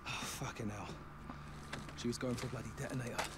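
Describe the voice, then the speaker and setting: An actor playing an urgent male special forces soldier on a raid in a video game, terse and forceful, with a British accent. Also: medium pitch, fairly even intonation, fairly quick, heavy background noise, natural voice. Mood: shaken. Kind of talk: video game combat acting.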